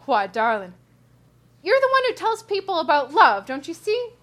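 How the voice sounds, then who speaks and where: A woman's voice: high voice, measured pace, voice pushed up. A woman voicing a brash, lonely middle-aged woman who talks bluntly and animatedly. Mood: exasperated. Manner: animated, blunt, rising and loud.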